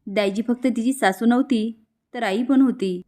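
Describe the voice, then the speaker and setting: A woman's voice: on the high side, moderate pace, mellow, close to an everyday voice. A woman voicing a young daughter who earnestly pleads with her father, in a spoken soap-story retelling. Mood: pleading.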